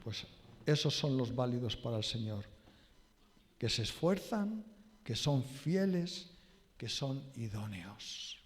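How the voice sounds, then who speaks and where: A male pastor preaching a sermon and leading a prayer in a slow, emphatic, drawn-out way. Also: big pitch swings. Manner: emphatic, drawn-out preaching with wide pitch swings. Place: church hall. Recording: reverberant church hall.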